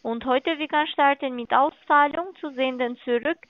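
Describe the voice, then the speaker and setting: High woman over a phone line. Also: normal speed, dry recording. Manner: broken German, repeats herself. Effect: heard over a phone line. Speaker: scam caller. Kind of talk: phone call.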